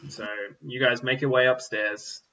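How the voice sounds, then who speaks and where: Slow, rambling game master, a man. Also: mid-range voice, fairly even intonation, sharp tone, slight background noise, rough recording. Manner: meandering, full of "like" and "um". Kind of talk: narrating a tabletop game.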